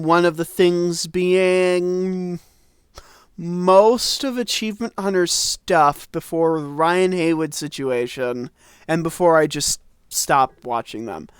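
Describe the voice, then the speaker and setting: Rambling streamer with a smooth, dry voice. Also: male voice, a little high, dry recording. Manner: rambling, wry asides with laughs. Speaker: streamer playing a game. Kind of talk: casual let's-play commentary.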